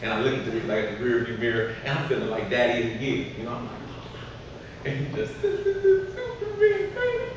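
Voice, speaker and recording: A man giving a humorous, animated storytelling speech to an audience, laughing as he goes. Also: mid-range voice, racing, hardly any pauses, dull audio. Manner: animated, laughs through his stories. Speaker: motivational speaker. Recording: echoey hall, voice from far off, background noise.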